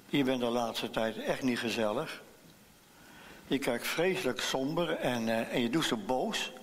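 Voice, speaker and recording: Man reading a worried caring mom, slow and gentle, echoey church. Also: mid-range voice, expressive. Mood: concerned. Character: caring concerned mother.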